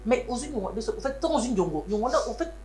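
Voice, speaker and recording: A man's voice: very high voice, big pitch swings, fast, darkish tone. An actor with a Congolese French accent playing a wealthy man who looks after his siblings, switching between French and Lingala. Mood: angry, scolding. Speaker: wealthy family head. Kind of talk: Congolese TV series acting. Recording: roomy room with background music.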